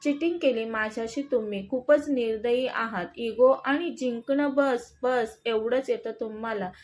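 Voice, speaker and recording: A woman's voice: on the high side, unhurried, a little mellow, close to an everyday voice. A woman reading the part of a hurt young wife who angrily accuses her husband, in an audio story. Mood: bitter. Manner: accusing, defiant.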